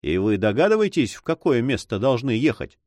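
Man doing hot-headed young lover, fervent, pleading, expressive, dry close sound. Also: mid-range voice, brisk, dry recording, natural voice. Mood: ardent. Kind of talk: audiobook reading.

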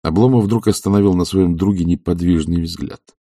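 A man narrating a classic novel in a measured, even way. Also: sits low, dry recording, studio quality. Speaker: audiobook narrator.

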